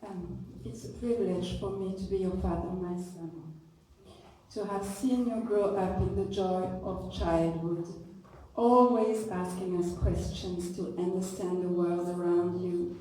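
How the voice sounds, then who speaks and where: A woman reading out a translation of a father's wedding speech, slow and careful. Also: on the low side, steady tone, mellow. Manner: reads a formal text slowly and carefully. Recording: echoey hall far from the mic, faint noise.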